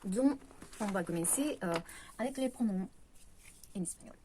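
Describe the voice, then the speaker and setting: A woman gives a relaxed online language lesson, pausing often and correcting herself as she goes. Her pitch sits in an ordinary middle range. A faint hiss of noise stays under her voice. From Latin America. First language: Spanish. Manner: hesitant, many fillers and self-corrections. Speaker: language teacher.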